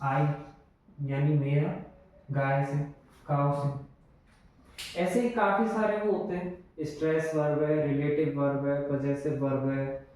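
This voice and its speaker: A man teaching English grammar in a slow, explanatory way, repeating his examples. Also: a little high, fairly even intonation, darkish tone. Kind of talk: classroom lesson in Hindi. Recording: very echoey room, voice from far off.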